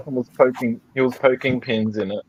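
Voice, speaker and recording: A man who is a YouTuber chatting casually on a live stream, joking and laughing as he eats. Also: mid-range voice. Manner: joking, laughs often, talks while eating. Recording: slightly dull call audio, faint noise.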